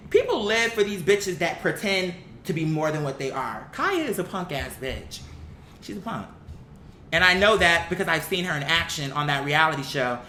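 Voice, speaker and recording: Animated and forceful, with a bright tone at normal speed, a young online commentator delivers an exasperated, sweary opinion rant, hammering points home through repetition. Faint rumbling and echo fill the room.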